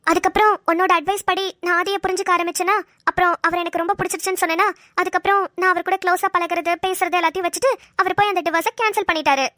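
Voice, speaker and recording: A woman's voice: very high voice, very fast, no room sound. A woman voicing a chatty young wife who teases and tells stories, close and dry. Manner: chatty, teasing, animated storytelling.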